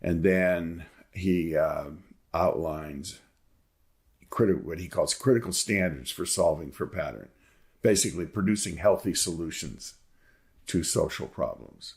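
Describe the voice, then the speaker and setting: A man's voice: deep voice, a little slow, gravelly. A man giving an academic lecture, laying out his points methodically in numbered parts.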